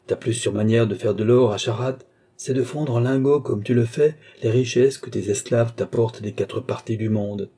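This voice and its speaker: A man reading the part of a serene, entranced young woman seer who speaks calmly and softly. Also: mid-range voice, normal speed, husky, natural voice. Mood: assured.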